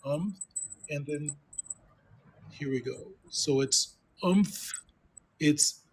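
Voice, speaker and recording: Slow, patient male English tutor. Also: on the high side, flat delivery, husky. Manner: patient, encouraging, talks while typing. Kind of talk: one-on-one online English lesson.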